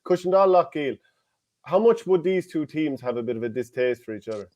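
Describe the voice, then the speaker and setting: A man's voice: a little high, animated, a little fast, a little mellow. A man hosting a podcast, asking chatty, loosely phrased questions. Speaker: podcast host. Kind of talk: casual podcast interviewing.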